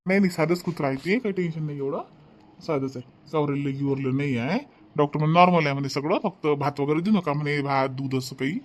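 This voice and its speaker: Fairly high-voiced man coaxing a child. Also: fast talker. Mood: explaining. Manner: soothing, coaxing, then instructive. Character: uncle and doctor, coaxing a crying child. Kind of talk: cartoon voice acting.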